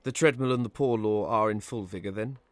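An actor playing Scrooge, a bitter old miser who talks in a cold, dismissive, sneering way. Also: male voice, lowish voice, a little fast, no echo, natural voice. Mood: curt. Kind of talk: audio drama acting.

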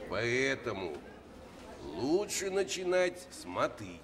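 An actor playing a middle-aged army officer in a film comedy, lecturing in a pompous, didactic way. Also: male voice, medium pitch, big pitch swings, takes it slowly, a crowd in the background. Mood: sententious. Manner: didactic, sententious. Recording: reverberant hall, faint background noise.

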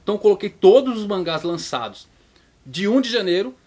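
A Brazilian man with a Brazilian Portuguese accent, hosting his manga vlog in a chatty, casual way and playing out viewers' questions in a higher voice. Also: very animated, brisk, a little mellow. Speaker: YouTube manga channel host.

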